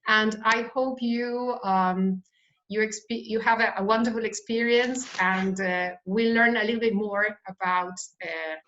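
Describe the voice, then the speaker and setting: A woman hosting a video call interview, speaking slowly and courteously with hesitant fillers. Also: medium pitch, a bit bright. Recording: muffled video call audio.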